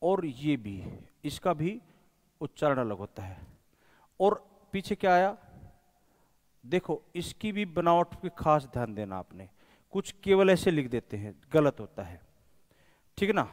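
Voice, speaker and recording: A man's voice: a little high, big pitch swings, a little slow, long pauses, a little mellow. A male coaching teacher giving a whiteboard lesson, patiently drilling sounds one by one and calling his viewers friends. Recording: echoey room with long reverb.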